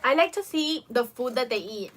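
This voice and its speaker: A woman's voice: on the high side, animated, normal speed, fairly bright tone, a little hiss or hum. A young woman co-hosting a live lunch stream, bubbly and talking straight to her viewers between bites. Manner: bubbly, addresses viewers directly. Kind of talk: casual chat while eating. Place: at home over lunch.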